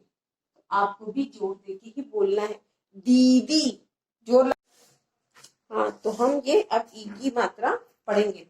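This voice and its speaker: Echoey, higher-voiced woman teacher. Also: distant mic. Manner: asks pupils questions and answers them herself; stresses pronunciation slowly and repeatedly. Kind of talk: Hindi alphabet lesson for children.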